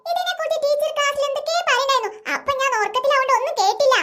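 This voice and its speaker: Cheeky cartoon schoolgirl, squeaky and fast. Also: lively intonation, bright, forceful tone, full character voice. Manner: whiny, mischievous, mangles words. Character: little schoolgirl, cheeky and forgetful. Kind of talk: cartoon voice acting.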